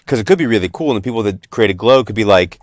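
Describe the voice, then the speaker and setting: A man's voice: on the low side, animated, quick pace, no echo, clean studio sound. A man co-hosting a podcast in casual chat, laid-back and joking with slangy asides. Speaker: podcast co-host.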